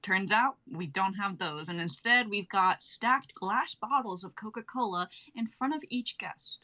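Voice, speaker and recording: A young woman with a medium-pitched, pushed and bright voice reads the stage directions for a comedy sketch unhurriedly. Her delivery is theatrical, irreverent and declamatory.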